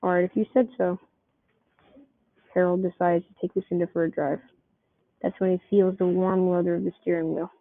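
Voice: mid-range voice, little pitch movement, moderate pace, pauses often, dry recording. A person reading a homemade comic story aloud, keeping the characters' voices close to their own. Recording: tinny phone-like dry recording.

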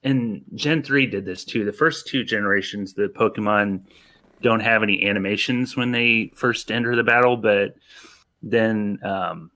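Laid-back low-voiced podcast host. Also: male voice, pushed and bright. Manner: laid-back, lots of ums and pauses. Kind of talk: casual podcast chat.

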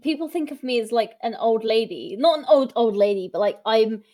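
Chatty young woman, bright high voice. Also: lively intonation, brisk. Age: 20s. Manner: chatty, laughs often, trails into fillers. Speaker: podcast host. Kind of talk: casual chat.

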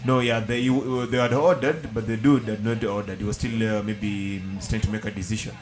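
Casual podcast co-host, male, lowish voice, rambling anecdotes, music bed. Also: fairly even intonation, fairly quick. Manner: rambling storyteller with many restarts. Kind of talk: casual chat.

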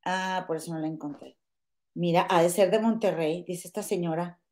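A woman's voice: lowish voice, steady tone, moderate pace, a little mellow. A Mexican woman co-hosting a casual gossip chat, outspoken and scandalized, peppering her talk with slang. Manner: scandalized and outspoken, uses slang like "güey" and "vato". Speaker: co-host of a gossip show.

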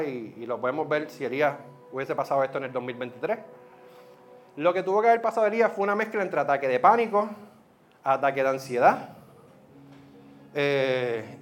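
Animated pastor preaching. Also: male voice, a little high. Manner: animated, conversational preaching mixing in English words. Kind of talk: sermon.

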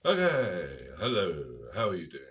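A hoarse man with a cold, chatting casually and summarizing a book, often losing his thread. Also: sits low, huge pitch swings, unhurried, a bit bright. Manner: rambling, loses his thread and restarts. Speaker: book vlogger.

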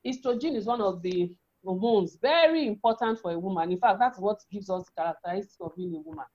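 A woman's voice: medium pitch, expressive, quick pace, a little mellow. A woman with a feminine voice giving an explanatory health talk as an educator, often repeating and rephrasing her points. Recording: dull, lo-fi sound.

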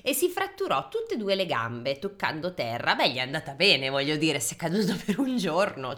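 A woman's voice: a bass voice, pushed and bright. A woman co-hosting a podcast, reading myths aloud and breaking off with joking asides and frequent laughter. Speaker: podcast co-host.

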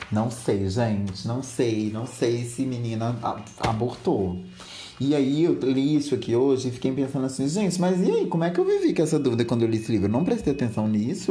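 A man's voice: medium pitch, dark tone, roomy sound, a little hiss or hum. A man reading a book aloud and chatting about it with his audience. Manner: chatty, addresses viewers as "gente".

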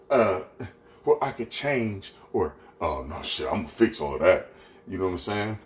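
A man's voice: low-pitched, slight background noise, poor audio. A podcast host talking alone in a blunt, preachy way, swearing freely while he makes dinner at home. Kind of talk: casual solo monologue. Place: home kitchen, cooking dinner.

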